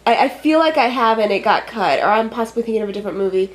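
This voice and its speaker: A woman co-hosting a podcast, chatting casually with quick reactions and wry asides. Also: on the high side, expressive. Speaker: podcast co-host. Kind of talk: casual chat.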